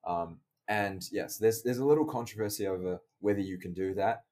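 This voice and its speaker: A man explaining research as an interview guest, measured and careful in how he puts things. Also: lowish voice, a little mellow. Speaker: podcast guest, researcher and online coach.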